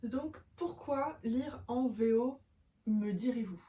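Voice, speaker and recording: A young book vlogger talks casually to camera about her reading, showing books and using many fillers and self-corrections. Her fairly high voice is warm and she takes it slowly. The room is echoey.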